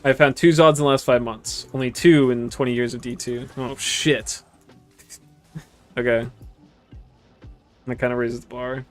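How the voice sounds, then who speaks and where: A man in his twenties giving relaxed, rambling gameplay commentary and chatting with viewers, swearing casually. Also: medium pitch, measured pace, pauses often, soft background music. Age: 20s. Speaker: gaming streamer.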